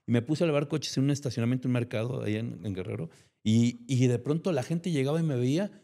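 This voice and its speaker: Warm-voiced Mexican man telling his story. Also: mid-range voice, fast talker, gravelly. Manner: emotional storytelling, acts out remembered dialogue. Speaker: guest. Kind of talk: personal testimony in an interview.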